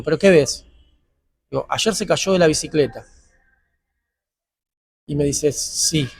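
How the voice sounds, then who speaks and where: Argentine man, father telling an emotional story, high gravelly voice, replays the dialogue. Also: darkish tone. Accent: Argentine Spanish. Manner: retells dialogue in quoted voices, tense. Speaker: interviewee, father. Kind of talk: emotional personal account.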